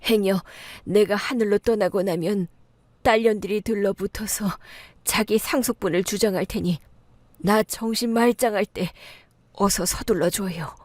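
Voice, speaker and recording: A woman's voice: mid-range voice, measured pace, a little mellow, no echo, natural voice. A woman voicing a frail, dying old mother-in-law who speaks weakly and partly in a whisper, in a storybook radio tale.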